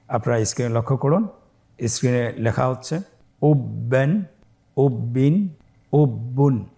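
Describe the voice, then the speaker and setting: A middle-aged man teaching a step-by-step Quran reading lesson, spelling out letters slowly and then explaining in quicker bursts. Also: medium pitch, darkish tone.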